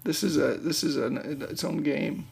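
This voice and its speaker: A male podcast co-host with a slightly high voice full of heavy vocal fry. He banters and explains game rules in an offhand, informal way. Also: normal speed.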